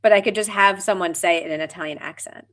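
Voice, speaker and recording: Mulher falante e hesitante, podcast. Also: female voice, mid-range voice, fast talker, fairly bright tone. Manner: chatty, hesitant starts, laughs. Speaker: co-host. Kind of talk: casual podcast chat.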